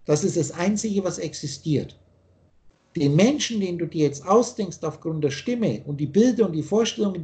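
A man's voice: high-pitched, mellow. An older man from Austria, lecturing at length as a spiritual teacher over a video call, rambling and insistent, often restarting his sentences.

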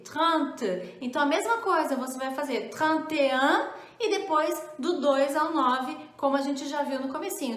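A woman's voice: high voice, a bit bright. A woman with a Brazilian Portuguese accent teaching an online French lesson, patient and encouraging, counting aloud and stressing each number. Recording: echoey room.

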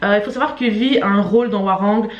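In an echoey small room at home, a young woman vlogs to camera with a medium-pitched voice, talking fast. The recording has its highs cut off, and her casual, expressive delivery often stresses and repeats words.

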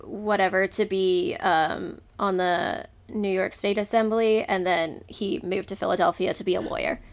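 A woman's voice: mid-range voice, steady tone, moderate pace. Woman podcast co-host, casual and rambling, filler-heavy delivery. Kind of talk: casual chat.

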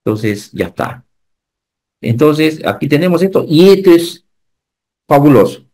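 A man, giving an animated online safety lecture and often checking whether the class follows. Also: a little high, unhurried. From Peru. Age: 50s. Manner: animated teacher, asks the class checking questions. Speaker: occupational safety instructor.

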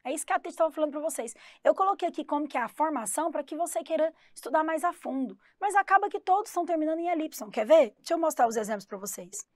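A woman's voice: sits high, lively intonation, no echo. Chatty woman English teacher, dry close mic. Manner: chatty, explains slowly, spells words letter by letter. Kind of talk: online exam-prep English lesson.

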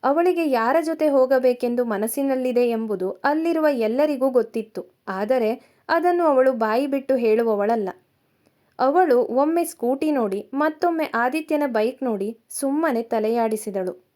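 A woman narrating a romance story in a calm, measured storytelling manner. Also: high voice.

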